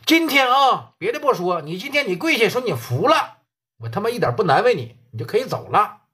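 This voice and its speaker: A man's voice: sits high, sing-song, brisk, fairly bright tone, slightly rough, pitched above the performer's own voice, full character voice. A man voicing a swaggering male gang boss who taunts and bosses around a rival. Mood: domineering. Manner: taunting, bossy and crude. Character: swaggering middle-aged male gang boss, mocking and domineering.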